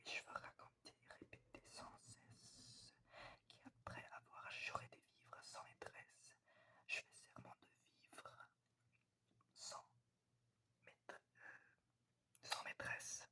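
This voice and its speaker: A woman giving a whispered ASMR poetry reading, soft, breathy and quiet as if late at night, reciting deliberately with pauses. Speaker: reader of poetry.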